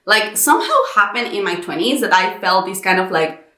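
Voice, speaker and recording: A thirty-year-old Mexican woman, a YouTube creator, tells her personal story in a chatty vlog, animatedly acting out her own inner thoughts as quoted dialogue. Her medium-pitched voice runs a little fast in a roomy, echoing space.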